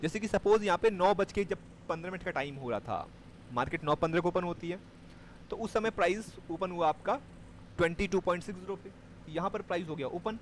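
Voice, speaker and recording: High-voiced male trading teacher. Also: fairly quick, a little hiss or hum. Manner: explains step by step, checks understanding with students. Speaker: stock market trading teacher. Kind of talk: live class explanation.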